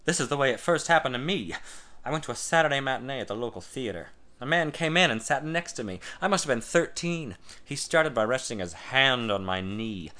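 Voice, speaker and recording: A man reading a first-person story aloud in a measured, intimate storytelling manner. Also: mid-range voice, animated, sharp tone.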